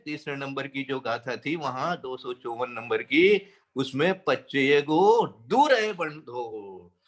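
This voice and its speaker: Slow-speaking man teaching scripture. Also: fairly high pitch, a bit bright. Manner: slow, explanatory, chants verses, rhetorical questions. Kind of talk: sermon on scripture.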